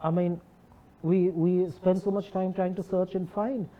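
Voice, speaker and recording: Lower-pitched woman, posh Indian accent. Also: flat delivery, measured pace. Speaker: panelist. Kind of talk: conversational panel discussion. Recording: slightly dull, muffled sound.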